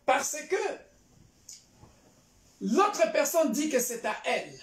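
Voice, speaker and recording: A male pastor leading intercession prayers and preaching, declaring each line and pausing for his interpreter. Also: very high voice, sing-song, roomy sound.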